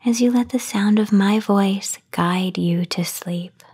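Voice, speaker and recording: This is a guided sleep meditation led by a woman whose soft, medium-pitched voice is half-whispered, breathy and calming. She speaks unhurriedly, pausing at length between phrases. The recording holds just her voice, free of music or background noise.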